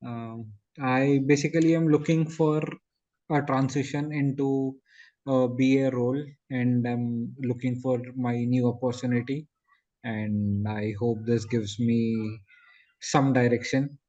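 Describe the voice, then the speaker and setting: A man's voice: mid-range voice, fairly even intonation, measured pace, dark tone. Man, dull lo-fi call audio, webinar participant, brief self-introduction. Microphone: online call.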